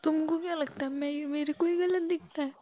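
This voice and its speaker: A young woman talks casually with her boyfriend on a phone call, insistent and questioning. Her high voice is mellow and brisk, with fairly even intonation. The phone recording sounds dull and carries noticeable noise.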